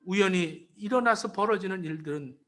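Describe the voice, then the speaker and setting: A man's voice: high-pitched, fairly quick, fairly bright tone. A male pastor giving a sermon, stressing his points by repeating them and calling out to the congregation. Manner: emphatic, repeats key phrases to explain them; calls out to the congregation.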